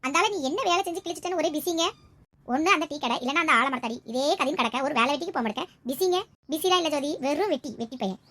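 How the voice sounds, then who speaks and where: A woman voicing a kind but blunt young village wife who talks in a lively way. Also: high-pitched, fast talker, a little hiss or hum. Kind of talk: village comedy skit acting.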